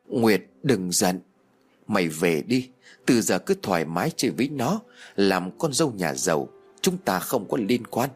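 A man's voice: deep voice, sing-song, unhurried, husky, faint music behind, full character voice. A man playing a proud, hurt young woman. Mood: cold. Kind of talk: audio story reading.

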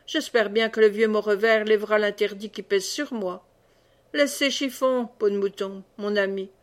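A woman's voice: on the high side, lightly acted. A woman voicing a boisterous, wounded old monk who blusters and boasts as he tells tales in an audiobook reading. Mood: gruff.

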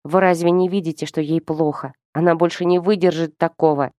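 A woman's voice: low-pitched, fairly even intonation, brisk, dark tone, no room sound, lightly acted. Woman reading an earnest young man. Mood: pleading. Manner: earnest, pleading then indignant. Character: proud protective young man, older brother.

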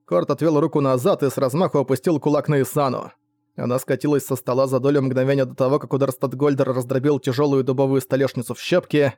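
A man's voice: mid-range voice, flat delivery, fast, a little mellow, dry recording. A man giving a vivid, dramatic scripted narration of a fantasy novel. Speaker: audiobook narrator.

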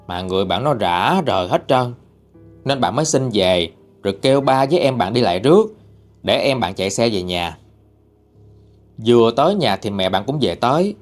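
Man narrating a ghost story, lively voice. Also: mid-range voice. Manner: casual, conversational telling.

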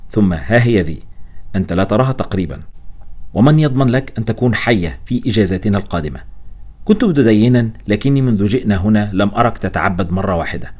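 Guy reading as a furious shaky wife in an audiobook, fast, lowish voice. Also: a little mellow, slightly rough. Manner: angry, trembling confrontation. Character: distraught pregnant foreign woman, wife.

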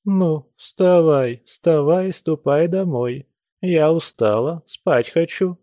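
A man's voice: on the high side, takes it slowly, mellow, no echo, studio quality, pitched above the performer's own voice. A man voicing a stern old lady of the house. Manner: firm, commanding.

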